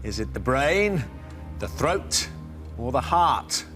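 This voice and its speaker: A man's voice: mid-range voice, sing-song, slow pace, fairly bright tone, faint music behind. A man hosting a television quiz show, announcing in an upbeat, theatrical way. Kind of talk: studio game-show presenting.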